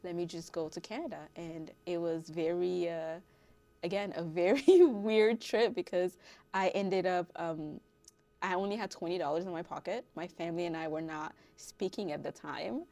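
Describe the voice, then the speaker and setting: Lowish voiced woman in her 30s from haiti, guest on a talk show, laughs a lot while telling stories. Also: moderate pace. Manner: laughs often, animated storytelling. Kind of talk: casual interview.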